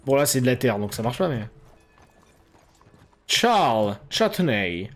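A man's voice: mid-range voice, fast, husky, faint music behind. A man streaming a video game, chatting and joking casually with viewers and swearing freely. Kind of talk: casual live game commentary.

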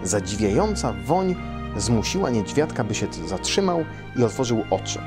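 Speaking over music, this storyteller and translator reads his own children's story translation with a very animated delivery. He's a man of roughly 30 to 45, medium-pitched and moderately paced, sitting in an armchair inside a small quiet room.

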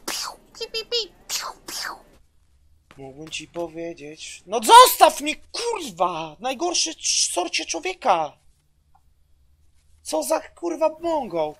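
A man in his twenties streaming a game live, loud and excitable, swearing and throwing in English phrases, on a headset in a small room. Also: very high voice. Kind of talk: live gameplay commentary.

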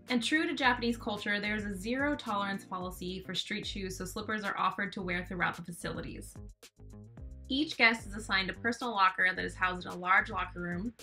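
A young woman narrating a travel vlog in a clear, upbeat, informative way. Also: mid-range voice, pushed and bright. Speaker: travel vlogger.

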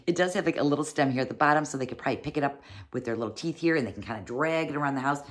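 A chatty, low-voiced American woman does a casual product unboxing at a racing pace. An unboxing reviewer fond of saying "little" and "like," she sits at a desk in a small, cozy indoor room before a fixed camera.

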